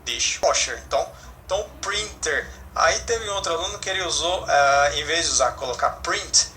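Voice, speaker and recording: Male English teacher, fairly high and bright voice, patient explainer, faint background hiss. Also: brisk. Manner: explanatory, frequent "né?" and self-corrections. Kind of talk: online class explanation.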